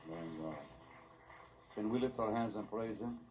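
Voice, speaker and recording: Slow, measured male preacher. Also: lowish voice, noisy background. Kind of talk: church prayer and declaration. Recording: music playing behind.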